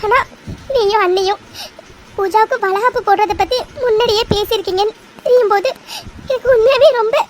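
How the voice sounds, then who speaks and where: A woman voicing a remorseful middle-aged mother-in-law in a cartoon, halting and emotional. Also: extremely high pitch, fairly bright tone, a little hiss or hum. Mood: tearful. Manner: hesitant, halting, tearful. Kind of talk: cartoon voice acting.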